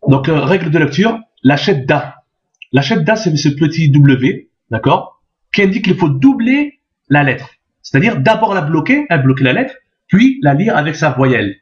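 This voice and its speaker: A man's voice: on the high side, big pitch swings, moderate pace. Patient man teaching a lesson, lo-fi sound. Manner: patient, repeats each point, checks with "d'accord?". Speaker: Arabic teacher. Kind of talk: step-by-step language lesson. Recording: dull lo-fi sound.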